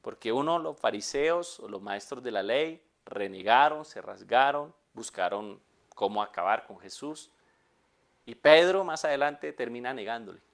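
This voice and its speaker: A man's voice: animated, moderate pace. Impassioned preacher man, rising and falling. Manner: impassioned, swings between loud urgent peaks and quiet low asides. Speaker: pastor. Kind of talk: sermon.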